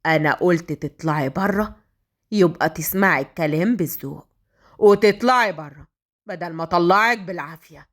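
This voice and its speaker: A woman with an Egyptian accent voicing a moody young male company boss, speaking low and half-whispered. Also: a little fast, natural voice. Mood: self-reproach, threatening. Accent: Egyptian Arabic.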